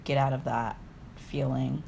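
A woman's voice: a bass voice, flat delivery, measured pace, vocal fry, warm tone, slight background noise. A woman in casual podcast chat, frank and profane but empathetic. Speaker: podcast co-host.

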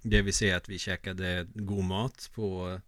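A man's voice: sits low, little pitch movement, fairly bright tone, no room sound, clean studio sound. A man co-hosting a casual podcast who giggles, rambles and uses many fillers. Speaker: podcast co-host.

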